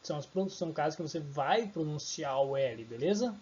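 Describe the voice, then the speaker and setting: A man's voice: a little high, animated, brisk, a little mellow, dull audio. A man teaching English pronunciation in an informal online lesson who corrects his own slips as he goes.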